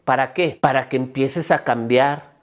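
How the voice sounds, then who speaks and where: A man's voice: mid-range voice, fairly even intonation. Mexican man coaching, acting out scenes. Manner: acts out everyday dialogues in quick voices, sometimes raises to a shout. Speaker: life coach. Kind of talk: motivational teaching talk.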